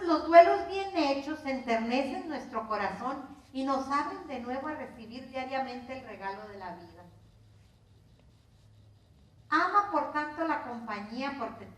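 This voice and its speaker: An older Mexican woman leads a workshop class in a high, light voice, talking casually and asking her listeners questions. She sounds set back from the microphone in a roomy lecture space with a noticeable echo. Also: far from the mic. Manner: conversational, asks the audience questions. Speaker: course instructor.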